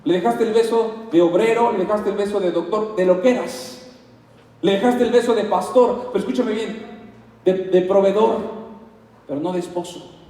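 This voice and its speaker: A man with a Mexican Spanish accent preaching a sermon as pastor, animated and acting out little dialogues. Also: sits high, moderate pace. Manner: animated, acts out dialogues in put-on voices. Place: church hall. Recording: echoey hall, mic at a distance.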